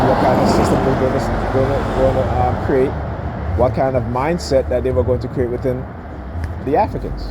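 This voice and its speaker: Man on an emphatic rant, noisy background. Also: medium pitch. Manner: emphatic, repeatedly punctuates points with check-in questions like "right?" and "okay?". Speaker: speaker giving commentary. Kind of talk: informal opinionated rant.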